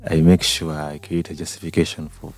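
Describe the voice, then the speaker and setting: Male guest from Uganda, low voice, easygoing and hesitant. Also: fairly quick, faint music behind. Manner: relaxed, hesitant with many ums. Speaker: singer-songwriter guest. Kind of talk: radio interview.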